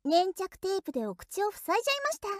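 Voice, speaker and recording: A woman's voice: very high voice, very animated, fast talker, no echo, studio quality. Woman voicing a teasing young shrine maiden. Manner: polite, sing-song teasing. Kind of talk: audio role-play drama.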